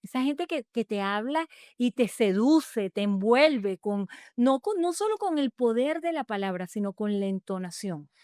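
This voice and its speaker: A woman hosting a podcast, asking her guest expressive questions. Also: fairly high pitch, measured pace, hardly any pauses, no echo, studio quality. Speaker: podcast host.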